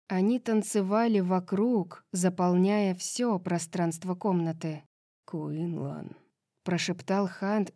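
A woman narrating a fantasy novel as an audiobook, reading in a slow, measured way. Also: medium pitch, warm tone, no room sound, studio quality.

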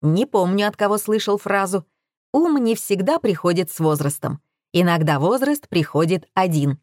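A woman's voice: medium pitch, lively intonation, moderate pace, darkish tone, dry recording, studio quality, natural voice. A woman voicing a dryly ironic man who speaks in a wry, sardonic way.

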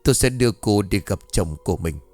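A man's voice: on the low side, expressive, fairly quick, warm tone, dry recording, faint music behind, natural voice. A man voicing a cruel, cold village woman. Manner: cold, threatening, scolding.

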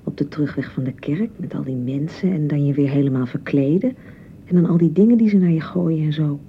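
In a naturalistic radio play, an actress with a Netherlands Dutch accent plays an anxious, touchy young newlywed bride, speaking fairly quickly in a hesitant, rambling way and correcting herself. She sounds nervous and flustered, and the broadcast is muffled with a rumbling noise.

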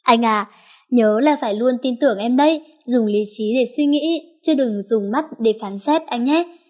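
A woman voicing a young heroine who is cold and deadly with enemies but soft and pleading with her lover. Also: a little high, normal speed, close to an everyday voice.

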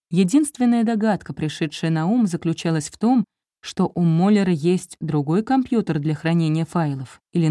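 A woman narrating an audiobook in a steady, expressive reading voice. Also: lowish voice, no echo, studio quality. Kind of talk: scripted narration.

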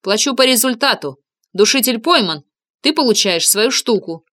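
A woman's voice: on the high side, animated, normal speed, fairly bright tone. A woman voicing an irritable, grumpy male detective in an audiobook, scolding and indignant. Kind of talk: audiobook character reading.

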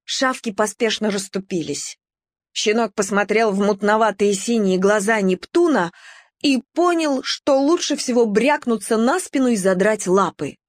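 Expressive woman reading a children's story. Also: a little high, no room sound, clean studio sound. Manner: expressive, varied pacing. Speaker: narrator.

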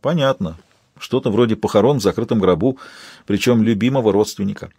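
A man narrating an audiobook in a steady, wry storytelling manner. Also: on the low side, fairly quick, breathy edge, dry recording, studio quality.

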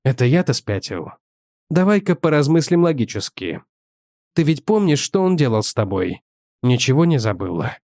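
A man's voice: mid-range voice, big pitch swings, moderate pace, a little mellow, dry recording, clean studio sound. A man voicing a jealous, bitter husband who accuses his wife with sarcasm, in an audiobook reading. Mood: accusing.

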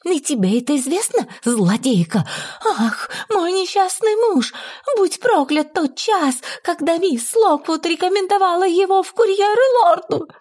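A woman's voice: very high-pitched, lively intonation, a little slow, a little mellow, pitched above the performer's own voice. A woman playing an anguished, outraged widow. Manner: crying out, anguished and indignant. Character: distraught widowed Englishwoman, indignant, desperate.

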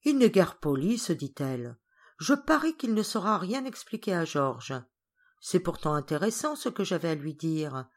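A woman's voice: lowish voice, big pitch swings, normal speed. A woman voicing a talkative, meddling spinster cousin in an audiobook, with a raised, insistent delivery. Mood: piqued.

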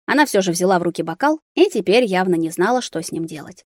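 A woman narrating an audiobook in a steady, expressive reading. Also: on the low side, fast, no room sound, studio quality.

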